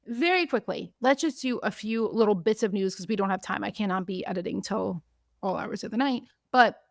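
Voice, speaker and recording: A woman hosting a podcast, recapping in casual chat, animated, acting out what others said. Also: mid-range voice, dry recording, clean studio sound. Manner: animated, acts out quotes, frequent "like". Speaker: podcast host.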